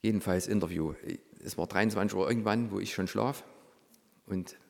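A middle-aged man with a low voice tells his story with lively energy. He slips into a hushed tone whenever he acts out the dialogue. The sound carries a long, lingering reverb. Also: moderate pace, vocal fry. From Saxony, Germany. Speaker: former reality show participant. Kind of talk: personal storytelling.

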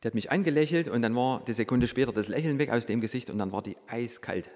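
A man's voice: medium pitch, quick pace, big-room sound. A middle-aged man, from Saxony, telling a personal story and acting out the dialogue in it. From Saxony, Germany. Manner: lively storyteller who acts out quoted dialogue, dropping to a hushed voice. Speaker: former reality show participant.

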